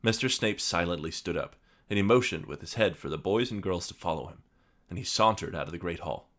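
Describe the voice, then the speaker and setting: Deadpan low-voiced male host. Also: fairly quick. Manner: dry, deadpan joking with many fillers. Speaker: podcast host. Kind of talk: casual chat and read-aloud.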